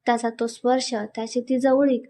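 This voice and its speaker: A woman tells a romantic serial story on her own, with a voice pitched a little high. She reads the narration and every character's dialogue herself, giving each part only a light touch of voicing. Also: little pitch movement, moderate pace, mellow.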